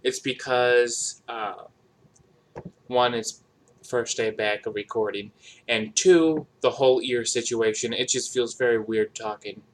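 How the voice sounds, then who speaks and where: A man casually chatting while cooking in his home kitchen, sounding low-energy and a bit sick with a dry throat, talking in a monotone full of fillers. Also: unhurried, slight background noise. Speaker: cooking vlogger. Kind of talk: casual cooking vlog chat. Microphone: camera across the kitchen.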